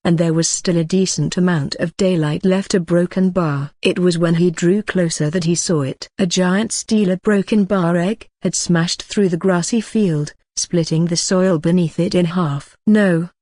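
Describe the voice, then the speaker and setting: A narrator reading a fantasy novel aloud in a steady, even manner. The voice sits at a middle pitch, and the close recording has no room echo. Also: unhurried, few pauses. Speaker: audiobook narrator. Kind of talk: scripted narration.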